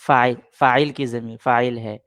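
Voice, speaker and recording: A man's voice: medium pitch, little pitch movement, fairly bright tone, no room sound. Patient man teaching grammar, dry sound. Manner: patient, repeats points and answers students' questions. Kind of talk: classroom grammar lesson.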